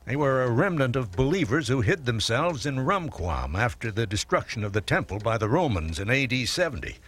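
An actor playing a college professor who explains in a measured, learned way, in a radio drama. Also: male voice, medium pitch, big pitch swings, fairly bright tone, breathy edge. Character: scholarly, careful college professor.

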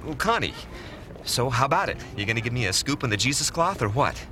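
An actor playing a nosy newspaper editor who fires off eager questions, in a radio drama. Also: male voice, medium pitch, sing-song, background noise. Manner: rapid-fire questioning, eager. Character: nosy, pushy newspaperman chasing a scoop.

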